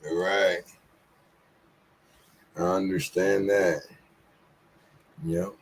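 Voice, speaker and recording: A man's voice: sits low, flat delivery, extremely slow, breathy edge, rough recording. A man in his late forties hosting a casual interview, laid-back and encouraging, with frequent swearing. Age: 40s. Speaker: podcast host interviewing. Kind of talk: casual chat.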